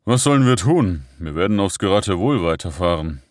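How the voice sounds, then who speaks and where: A man voicing a huge, sullen sleigh driver who answers in a gruff, sluggish way. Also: deep voice, lively intonation, a little fast, no echo, clean studio sound. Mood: grumbling.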